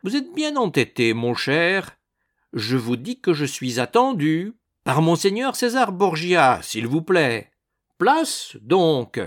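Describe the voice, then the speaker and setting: A man's voice: mid-range voice, sing-song, slow, full character voice. A man voicing a brash young swordsman. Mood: defiant. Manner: anxious, then brashly defiant. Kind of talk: audiobook reading.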